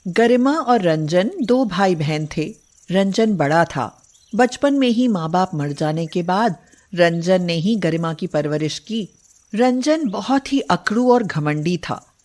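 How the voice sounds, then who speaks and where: A woman's voice: on the low side, animated, slow pace, darkish tone. A woman narrator reading a scripted moral story.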